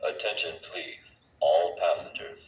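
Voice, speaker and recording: Automated station PA man over a loudspeaker, deep and unhurried, echoey and far off, faint crickets behind. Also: lo-fi sound, slight background noise. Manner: slow, measured, formal delivery. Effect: heard over a station loudspeaker. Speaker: station announcer. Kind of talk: automated public announcement. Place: outdoor train platform.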